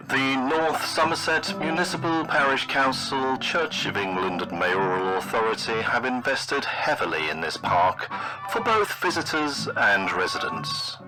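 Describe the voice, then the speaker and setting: A man narrating a scripted mock travelogue in the manner of an old newsreel, with formal, florid, deadpan delivery. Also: mid-range voice, unhurried, low-quality recording. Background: music.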